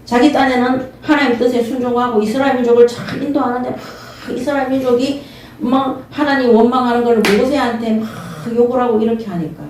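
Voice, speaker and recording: A woman preaches, earnest and insistent, stopping often to pull her listeners back in. Her voice is mellow and dark, and it rings through a very echoey church hall. The mic sits some distance from her, with faint room noise behind. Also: fairly high pitch, steady tone, fairly quick. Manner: earnest, repeats short calls for attention. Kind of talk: sermon with Bible reading. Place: church sanctuary.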